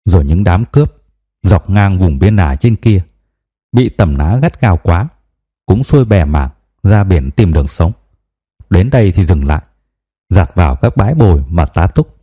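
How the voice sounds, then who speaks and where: A weary old grandmother in a spoken novel, passing on old tales in a gentle, unhurried way, as a man reads her lines. The voice is deep and mellow, close to the narrator's own. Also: expressive, slightly rough. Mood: storytelling.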